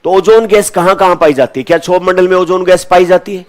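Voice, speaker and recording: High-voiced man teaching a lesson. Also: fairly even intonation, quick pace. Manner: asks questions and answers them himself, repeats key terms. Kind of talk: classroom lecture.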